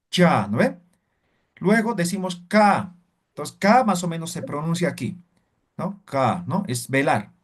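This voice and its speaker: A man teaching a language class, explaining sounds and demonstrating them aloud, checking in often with short questions. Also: fairly high pitch. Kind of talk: online language lesson.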